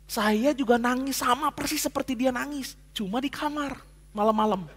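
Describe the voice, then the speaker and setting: A man preaching a sermon as a pastor, telling a personal story in casual slang and swinging from hushed to loud. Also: extremely high pitch, normal speed. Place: church hall. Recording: long hall reverb.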